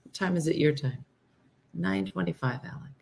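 Low-pitched, listless woman chatting. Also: moderate pace, creaky, darkish tone. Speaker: host of a morning livestream show. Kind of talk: casual livestream chat with viewers.

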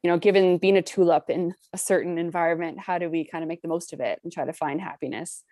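A woman's voice: on the low side, fairly even intonation, quick pace, mellow, no echo. A woman on a podcast panel reflecting casually in tentative, circling phrases.

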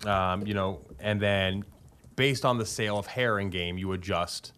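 A man's voice: lowish voice, normal speed, fairly bright tone, smooth. A man co-hosting a show in casual, conversational talk. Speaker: co-host and game developer. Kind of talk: casual chat.

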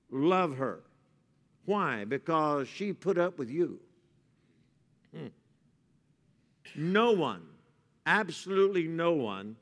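A man preaching a sermon at a pulpit microphone in a church, moving from joking to a softer, reflective tone. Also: on the high side. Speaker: pastor. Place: church sanctuary. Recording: reverberant church hall.

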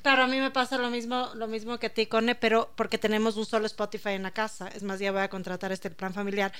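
A woman's voice: mid-range voice, flat delivery, fast talker, a bit bright, clean tone. A woman hosting a podcast, chatting casually and sharing personal anecdotes. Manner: conversational, relates personal anecdotes.

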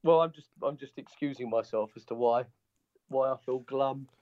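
A man's voice: mid-range voice, normal speed. A man with a cold, his voice muffled as if heard through a wall, chatting as a podcast co-host over a call. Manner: rambling, self-correcting. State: head cold, stuffy muffled voice. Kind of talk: casual chat. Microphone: Skype call. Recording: dull, muffled lo-fi call audio.

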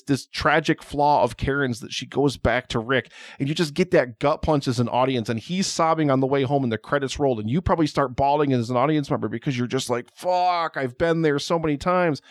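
A man's voice: medium pitch, no room sound, studio quality. A man hosting a podcast in casual chat, rambling, joking and swearing as he talks about films. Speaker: podcast host.

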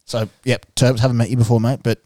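An Australian man co-hosts a casual sports chat. He is laid-back and matey, with plenty of slang. His pitch is middling for a man and the recording is dry, with little room sound. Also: flat delivery, quick pace, mellow, no echo. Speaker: podcast co-host.

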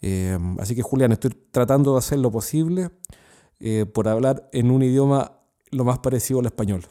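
A Chilean-accented man hosts a solo podcast, chatting earnestly with lots of fillers and restarts. His voice sits mid-range with a dark tone, and he speaks at a normal speed. He works as a podcast host and sales consultant.

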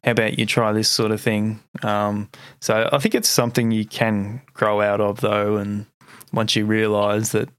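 A man hosts a laid-back interview in a smooth, clear voice, easing into reflective comments between agreeing yeahs. The sound is close and completely dry, with no room around it. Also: lowish voice, normal speed, no room sound. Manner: relaxed, reflective, lots of yeahs. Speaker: interview host. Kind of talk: casual interview chat.

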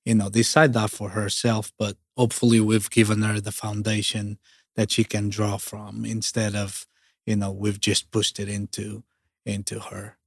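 Man, parent testimonial, measured and earnest, narrow intonation, close dry recording. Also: on the low side, monotone, creaky, no echo. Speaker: parent interviewee. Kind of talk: reflective testimonial talk.

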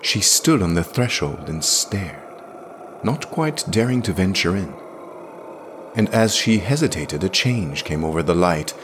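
Brief: deep-voiced man narrating a story, unhurried and lively in inflection. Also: noisy background. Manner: measured, expressive storytelling. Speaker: podcast story reader. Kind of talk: scripted narration.

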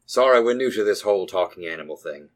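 A man's voice: sits low, animated, fast talker. A man taking part as a player in a casual tabletop game, talking in a dry, joking way.

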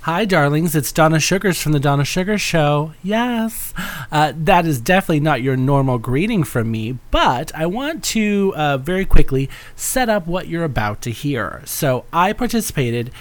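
A man's voice: on the high side, very animated, moderate pace. A man hosting a podcast in a casual, rambling, affectionate and campy way. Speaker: podcast host.

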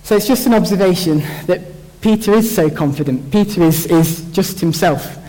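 A man's voice: high-pitched, normal speed, a little mellow. A young man giving an informal, jokey Bible talk as a church speaker, thinking aloud with restarts. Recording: long hall reverb.

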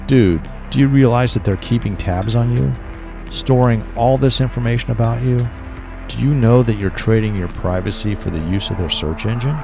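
A man's voice: low voice, normal speed. A man voicing a paranoid middle-aged former tech worker who talks urgently and insistently, with music behind. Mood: agitated.

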